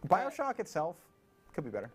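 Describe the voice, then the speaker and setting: A young man co-hosting a casual chat on a student TV show, wry and playful, handing out quick verdicts. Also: on the high side, wildly swooping pitch, faint music behind. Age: young adult. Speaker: co-host. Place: college TV studio. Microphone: wearing a microphone.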